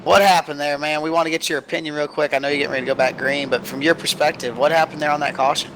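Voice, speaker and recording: A male motorsport commentator speaks in a somewhat high voice. He calls racing live in a conversational broadcast style. There is clear vehicle noise behind him. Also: steady tone, rapid-fire, fairly bright tone. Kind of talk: live race commentary with casual trackside interview. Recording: noisy broadcast with vehicle rumble.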